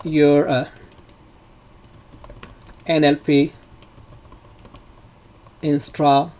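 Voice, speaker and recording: A man's voice: on the high side, level tone, very slow, a little mellow. A middle-aged man from Morocco who teaches data science, walking students through an online course with an explanatory manner, frequent fillers and restarts. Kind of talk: live online class walkthrough.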